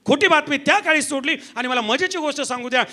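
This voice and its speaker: Male pastor, very high and piercing voice, emphatic call-and-response sermon to a congregation. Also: quick pace, bright, forceful tone. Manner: emphatic, rhetorical questions to the congregation. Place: church before a congregation.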